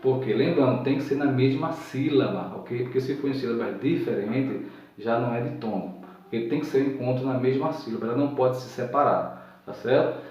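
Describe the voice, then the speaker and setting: A man's voice: mid-range voice, normal speed, a little mellow. A man giving a recorded grammar lesson, patiently repeating each point and checking that his listeners follow. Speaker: teacher. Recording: echoey room, distant mic, dull sound.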